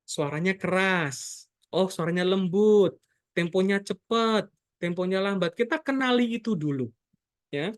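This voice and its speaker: A man who practises NLP, giving a relaxed, chatty lesson and dropping English terms into his explanations. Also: sits high, moderate pace, clear, resonant tone. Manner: chatty, loose teaching talk with English terms and frequent "gitu" tags. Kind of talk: casual explanatory lecture.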